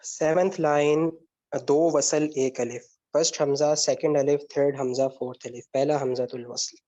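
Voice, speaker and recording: A man's voice: mid-range voice, steady tone, dark tone. A male teacher giving a lecture step by step, often asking a question and then answering it himself. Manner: explains step by step, asks and answers his own questions. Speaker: Arabic grammar teacher. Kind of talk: online lecture with student questions. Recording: dull lo-fi sound.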